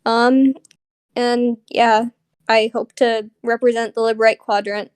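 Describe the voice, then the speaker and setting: A woman's voice: a little high, level tone, slow pace, clear, resonant tone, no room sound. A young woman speaking casually as a candidate in an online debate.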